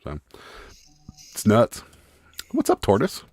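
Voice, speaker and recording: A man with a slightly raspy voice in easygoing, chatty talk on a live stream, greeting viewers as he goes. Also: on the low side, huge pitch swings, takes it slowly, darkish tone, no echo. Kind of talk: casual live stream chat.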